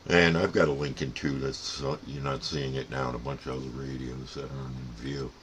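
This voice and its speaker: This older man has a very deep voice, keeps a level tone, and talks briskly over some background noise. As a radio hobbyist and channel host, he gives a casual, rambling, folksy explanation in plain-spoken fashion.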